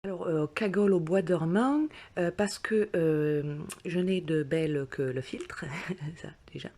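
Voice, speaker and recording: A woman with a fairly low voice tells a comic story from her bed in a sit-down comedy monologue. She puts on a playful mix of southern French accents. She acts out panic, jumping from hushed whispers to shrill cries for help. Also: unhurried. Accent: put-on mixed southern French. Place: in bed, indoors.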